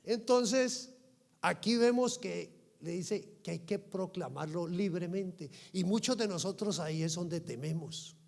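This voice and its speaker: A man preaching a sermon as pastor in a church, moving from soft quiet talk to loud fervent preaching. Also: high-pitched, measured pace, gravelly. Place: church sanctuary. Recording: long hall reverb.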